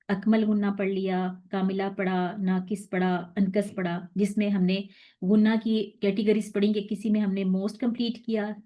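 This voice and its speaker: In an online tajweed lesson, a woman patiently explains the rules of Quran recitation, drawing out the verses slowly and often asking "theek hai?" to check that listeners are following. Her voice is medium-pitched, and the audio sounds dull.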